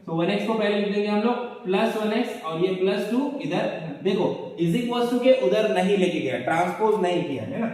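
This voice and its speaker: Echoey, high-voiced male maths teacher. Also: recorded from a distance. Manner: repetitive, coaxing, asks and answers his own questions. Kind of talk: board lesson explaining step by step. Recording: echoey room, voice from off-mic.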